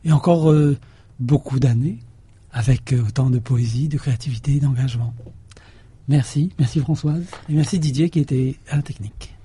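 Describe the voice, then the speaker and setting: Male radio host, husky, very dark voice, dry studio. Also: mid-range voice, moderate pace, dry recording. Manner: warm thanks with hesitations. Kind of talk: radio show sign-off.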